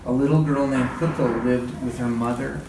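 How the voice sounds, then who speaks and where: In a noisy indoor training room, captured from a distance with plenty of room sound, a man guides a group through an interactive read-aloud. His mid-range voice holds a steady tone at a moderate pace. He keeps things conversational and encouraging, repeating back whatever the participants say.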